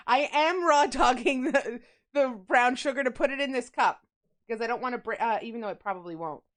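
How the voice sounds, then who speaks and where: High-voiced chatty Long Island woman. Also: a little fast, fairly bright tone. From New York. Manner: chatty, greets viewers by name, rambling asides. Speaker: livestreamer baking on stream. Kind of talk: casual chat while baking.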